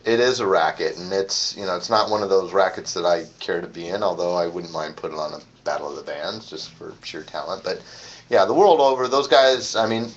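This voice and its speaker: A man with a lowish voice hosts a loose live-stream chat and talks at length in a rambling way. He laughs often between stories. The audio is dull and lo-fi. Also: brisk. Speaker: show host.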